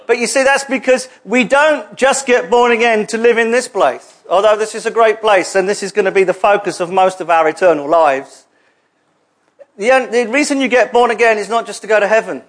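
A man delivers a sermon in a church hall, his voice pitched high for a man. He talks in a conversational way and drops jokey asides to the congregation. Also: a little fast, fairly bright tone. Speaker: preacher.

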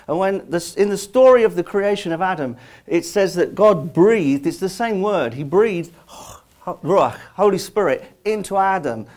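A man preaches in a London Estuary English accent. His voice sits a little high for a man. He keeps the sermon conversational and informal, chatting to listeners with a lightly joking touch. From London, England. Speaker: visiting preacher.

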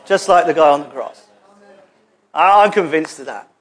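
Man preaching, high voice, chatty and jokey, church hall. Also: expressive, normal speed. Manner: conversational, jokey preaching with asides. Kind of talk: sermon.

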